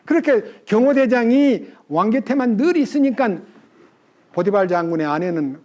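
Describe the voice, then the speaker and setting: A man preaching a sermon as a pastor, retelling a Bible story and acting out the characters' lines with sudden leaps in pitch and loudness. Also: expressive, moderate pace, lo-fi sound. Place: church.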